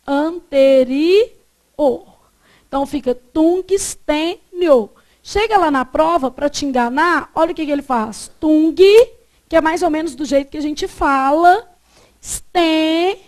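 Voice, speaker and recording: A Brazilian woman teaching a Portuguese grammar class. She quizzes the class with questions and answers them herself, and she dictates each rule slowly and repeats it. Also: sits high.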